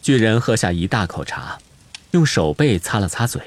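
A man reading an audiobook with expressive scripted storytelling narration. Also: on the low side, moderate pace, a little hiss or hum.

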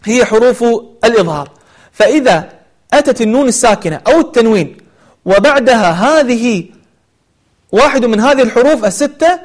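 A man teaching the rules of Quran recitation. He explains each rule and then recites examples slowly, repeating them. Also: extremely high pitch. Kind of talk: tajweed lesson.

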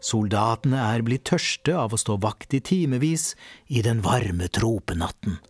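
A man narrating a children's audiobook in a lively storytelling manner. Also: medium pitch, slightly rough, no echo. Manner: lively storyteller, voices all the characters.

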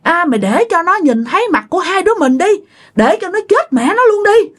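A woman voicing a furious female ghost haunting a mannequin, scolding and shouting threats. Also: extremely high pitch, very animated, fairly quick, voice pushed up. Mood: shrieking.

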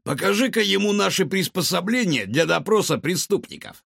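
A man's voice: high voice, animated, moderate pace, creaky, a bit bright, husky, no echo, studio quality, pitched above the performer's own voice, exaggerated voice. A man reading a children's audiobook, voicing a bossy, commanding male animal detective. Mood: stern. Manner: stern, commanding. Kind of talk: audiobook character voice.

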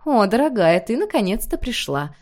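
Woman doing a melodramatic middle-aged mother, self-pitying, whiny, high-pitched, audiobook role. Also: big pitch swings, normal speed, darkish tone. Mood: wheedling. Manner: whiny, theatrical pleading.

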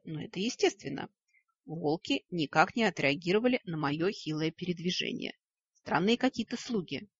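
A woman with a husky, breathy voice tells a fantasy tale in the first person, wry and ironic. It is a dull, lo-fi recording in a dry, close space. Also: fairly low pitch, no echo. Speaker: audiobook narrator. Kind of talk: first-person storybook narration.

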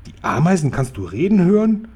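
A man's voice: sing-song, a little fast, mellow, slightly rough. A man doing an eager, pleading little girl. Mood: wondering. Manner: pleading, raised childlike pitch.

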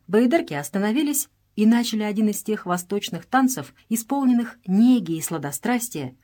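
A woman narrating a novel in a measured, expressive reading voice. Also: medium pitch.

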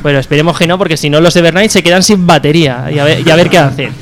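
Chatty radio host, slightly high. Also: male voice, rapid-fire. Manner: chatty, many fillers and restarts. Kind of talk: casual radio interview.

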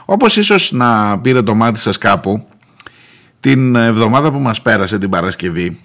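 A man, a journalist, telling a wry anecdote on the radio with lively asides. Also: fairly low pitch. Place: radio studio.

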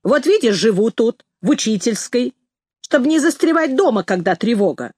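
A woman voicing a stern, tiny, gray-haired old headmistress who talks in a brisk, bossy way, in a dry recording. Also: a little high, expressive, a little mellow, husky, dry recording. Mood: scolding. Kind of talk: audiobook character voice.

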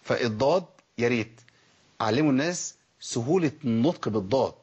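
Fast-talking Egyptian sheikh teaching recitation. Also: male voice, mid-range voice, slightly rough, muffled recording. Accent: Egyptian Arabic. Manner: lively, demonstrates recited words slowly and stretched. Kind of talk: Egyptian colloquial lesson on letter pronunciation.

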